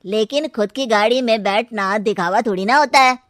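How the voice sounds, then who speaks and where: A woman's voice: fairly high pitch, normal speed, a bit bright, no echo, clean studio sound, natural voice. A woman playing a blunt, insistent family elder in a comic story, speaking in a pointed, challenging way. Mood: sceptical, pointed. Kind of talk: comic Hindi audio story dialogue.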